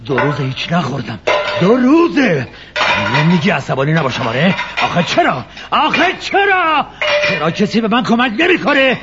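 A man's voice: on the high side, sing-song, pauses often, heavy background noise. An actor playing a greedy rich old man, starving and furious, in a children's radio play, ranting and wailing with lots of repetition. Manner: wailing, ranting, repeats himself. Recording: lo-fi recording with music behind.

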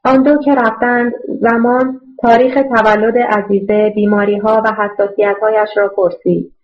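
A woman narrating an audiobook in a steady, measured reading voice. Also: medium pitch, lo-fi sound, soft background music. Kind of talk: scripted narration.

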